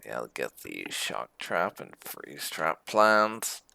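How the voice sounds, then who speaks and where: This gaming host is a woman with a bass voice that is very animated, creaky, bright and forceful, and she takes her time. She comments casually and muses aloud as she plays, and the dry recording carries game music behind her.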